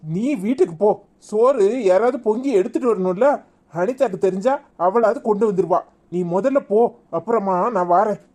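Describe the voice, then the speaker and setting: A woman voicing a calm, practical grown son in a cartoon serial, with a Tirunelveli accent and a plain, bossy manner. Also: mid-range voice, normal speed, natural voice. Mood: firm. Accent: Tirunelveli Tamil.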